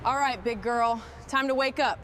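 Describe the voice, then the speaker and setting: The recording is very noisy as this woman, a little high-voiced and speaking at a moderate pace, shows off her machinery restoration. She keeps to short, clipped comments and crew instructions.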